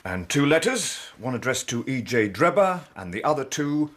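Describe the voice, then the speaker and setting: An actor playing an eager, self-important Victorian English police inspector in a British radio drama, pompous and emphatic. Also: male voice, mid-range voice, very animated, moderate pace, a bit bright. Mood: businesslike.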